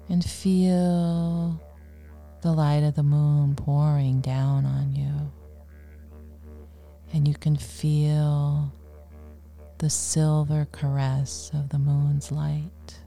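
Female meditation guide, soft near-whisper, soothing, little melodic movement, creaky edges, music underneath. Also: sits low. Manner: soothing, hushed, with long pauses between short phrases.

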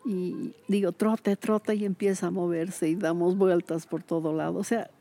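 A woman, a retired teacher chatting in an interview and telling lively stories. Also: fairly low pitch, moderate pace. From Bolivia. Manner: lively storyteller, acts out quoted voices, laughs often. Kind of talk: casual interview chat.

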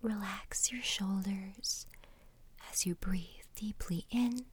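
A woman guiding a relaxation exercise in a soft, soothing ASMR whisper, breathy and gentle, close to the microphone. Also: mid-range voice. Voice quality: breathy, unvoiced. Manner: slow, unhurried instructing with pauses.

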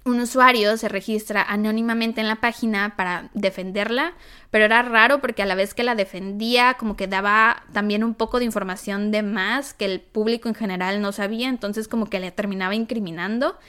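Smooth-voiced Mexican woman telling a case. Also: mid-range voice, brisk. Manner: chatty, animated retelling with asides. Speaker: podcast co-host. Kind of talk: casual true-crime storytelling.

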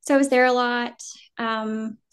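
In an interview, a guest actor talks loosely in a smooth, slightly high voice, never hurrying. She's a New Jersey woman in her thirties who first spoke Vietnamese and now has an American accent. Relaxed and meandering, she fills her speech with "um" and "like" and laughs often.

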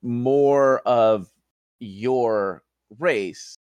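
A man voicing a confused young male paladin noble, speaking slowly and haltingly. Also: medium pitch, darkish tone, clean tone, no echo. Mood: earnest. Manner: slow, halting, dazed.

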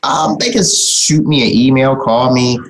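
Talking a little slowly in a mid-range voice, a man appears as a guest in a casual interview, where he's a communication trainer and author. He keeps it informal and folksy, regularly dropping in "man" and "you know."

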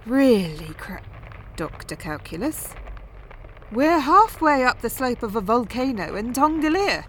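A woman's voice: on the high side, very animated, unhurried, fairly bright tone, a little hiss or hum, poor audio. An actress playing a wry female sidekick to a villain in an audio drama, teasing and dry.

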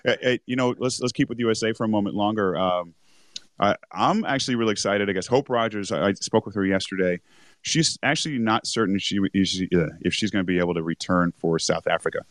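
A man co-hosting a rugby podcast, rambling and correcting himself, a little hoarse as he is losing his voice. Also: lowish voice, fast talker, dry recording. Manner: rambling, self-correcting, chuckles often. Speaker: podcast co-host. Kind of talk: casual rugby chat.

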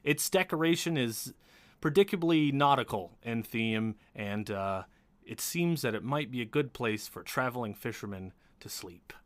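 A man's voice: medium pitch, animated, moderate pace, no echo. A man narrating as game master of a tabletop game, describing scenes casually.

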